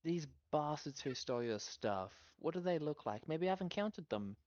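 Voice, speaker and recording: A man in a casual tabletop role-play, halting and naively friendly in his talk. His microphone sounds dull and lo-fi, with a very dry, close feel. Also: a little high, animated, darkish tone, no room sound. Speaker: tabletop game player.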